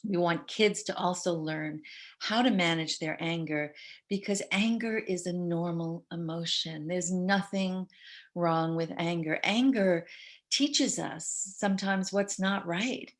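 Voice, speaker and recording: A woman's voice: lowish voice, measured pace. An older woman speaking as a parenting educator on a video call webinar, talking in a conversational way and often quoting what parents and kids say. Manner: warm conversational, quotes herself and others. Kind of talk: online parenting webinar talk.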